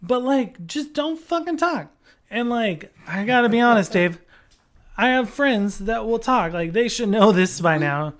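A podcast co-host in casual chat, ranting with heavy profanity and rambling through many fillers, with a mid-pitched voice. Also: measured pace.

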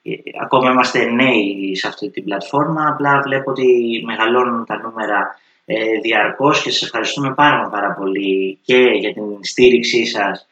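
A man's voice: lowish voice, sharp tone, highs cut off. A man hosting a cooking channel, talking casually to his viewers in a chatty, slangy storytelling way. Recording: roomy echo with faint music.

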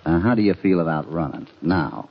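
An actor playing the calm, dry-witted cowboy hero Hopalong Cassidy in an old radio drama. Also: male voice, a bass voice, a little fast, creaky, breathy edge, full character voice. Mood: probing. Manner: easygoing, probing. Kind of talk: 1940s radio acting. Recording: dull lo-fi old radio recording.

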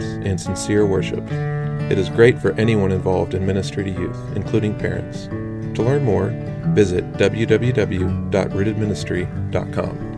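A man's voice: on the low side, gravelly. A man reading a scripted promotional announcement as a narrator. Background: plucked guitar music.

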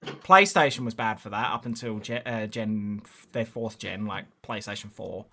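A man in his thirties with a bright, forward voice talks games in a loose, casual chat. He wanders through his points, full of "um"s, "like"s and false starts. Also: fairly low pitch, normal speed. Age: 30s. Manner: rambling, many fillers and restarts. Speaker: podcast co-host.

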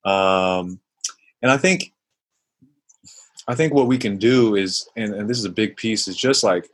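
A man's voice: lowish voice, a little slow, slightly rough. A man answering interview questions in a reflective, searching way, full of fillers and restarts, now and then acting out his own inner voice. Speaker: guest, former basketball player and mindfulness coach.

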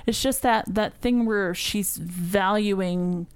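A woman co-hosting a podcast in casual chat, chatty and quick to laugh, using lots of "like". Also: medium pitch, clean tone, dry recording. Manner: chatty, laughs often, frequent filler "like". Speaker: podcast co-host.

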